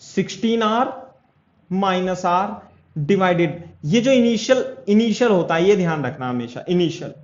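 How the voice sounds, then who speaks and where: A male physics teacher, his voice sitting high, animated, a little mellow and at a measured pace, works through a problem in a classroom lecture. He explains each step and keeps asking if his students understand, in an echoey room recorded with dull lo-fi sound.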